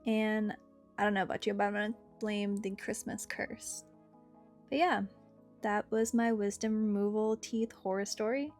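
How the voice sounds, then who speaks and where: A woman's voice: medium pitch, level tone, moderate pace, a little mellow. A young adult woman telling a personal story in a casual, chatty, conversational way. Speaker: storyteller narrating own experience. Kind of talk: casual story time narration. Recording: guitar music behind the voice. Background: guitar music.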